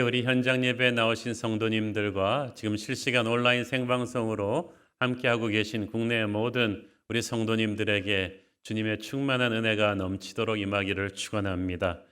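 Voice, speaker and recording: A man's voice: lowish voice, steady tone, normal speed, a bit bright, clear, resonant tone, a faint crowd. A male pastor preaching an earnest, conversational sermon with rhetorical questions to his congregation. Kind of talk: expository sermon.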